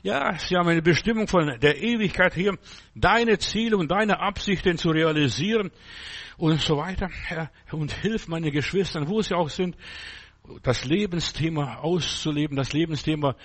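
A man preaching a sermon with a slightly high, husky voice. He talks emphatically, with many short asides and interjections. The recording has a faint radio-broadcast sound. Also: normal speed, fairly bright tone. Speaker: pastor.

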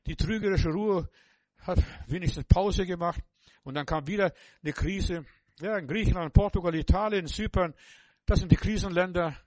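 A man delivers a sermon in a high-pitched voice, emphatic and repetitive, addressing the listener directly. He alternates between loud exclamations and hushed passages, and the recording is dry.

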